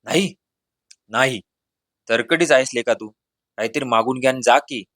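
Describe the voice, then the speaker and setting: A man's voice: mid-range voice, fairly even intonation, brisk, a bit bright, dry recording, studio quality, natural voice. A man reading a storybook voices a cunning village exorcist who coaxes, bargains and then bosses the crowd. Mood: coaxing. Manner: coaxing, then bossy and showy. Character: boastful middle-aged village exorcist, cunning and brash.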